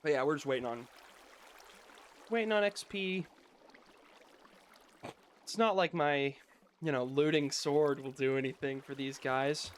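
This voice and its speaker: Rambling male streamer, slightly high voice. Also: a little slow, long pauses, a little hiss or hum. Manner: rambling storyteller, worked up then forcing calm. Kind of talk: casual chat while playing a video game.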